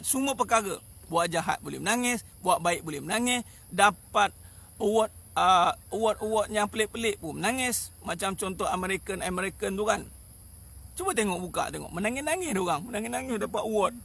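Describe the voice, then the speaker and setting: Outdoors in the sun, a man with a Malaysian Malay accent preaches a sermon, emphatic and repetitive and full of rhetorical questions. His high-pitched voice is gravelly, husky, pushed and bright.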